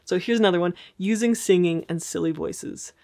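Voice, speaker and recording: A woman's voice: fairly low pitch, normal speed, dark tone. Woman therapist explaining in a friendly way. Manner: friendly, explanatory, checks in with listeners. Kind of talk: casual teaching talk.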